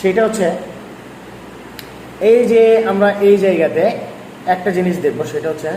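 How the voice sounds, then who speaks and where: A warm, high-pitched male voice at a moderate pace teaches an online language lesson, patiently repeating points and nudging students to practice. The recording has room echo and faint noise.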